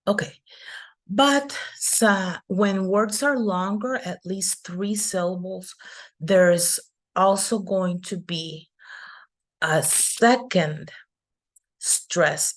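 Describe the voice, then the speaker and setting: A woman teaching a class, speaking unhurried and deliberate. Her voice sits slightly low for a woman, and she works through each example patiently with fillers. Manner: patient, explains step by step with fillers. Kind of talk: online class lecture.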